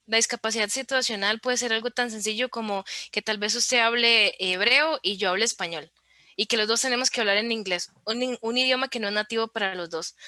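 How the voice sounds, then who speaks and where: Bright-voiced woman explaining accessibility. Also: on the high side, dry recording, studio quality. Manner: clear, didactic, explains with examples. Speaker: podcast guest on accessibility. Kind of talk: explanatory interview talk.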